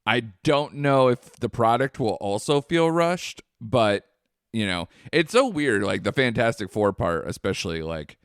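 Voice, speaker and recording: A podcast co-host with a medium-pitched, clear, resonant voice chats loosely, swearing now and then and letting sentences trail off. The sound is studio quality with no echo.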